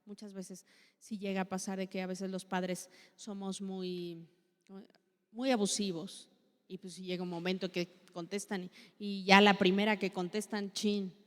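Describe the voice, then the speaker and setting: A woman's voice: medium pitch, level tone, unhurried. Mexican woman preaching in a reverberant hall. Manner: chatty, asks many rhetorical questions. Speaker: speaker at a women's church meeting. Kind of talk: conversational sermon. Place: church hall.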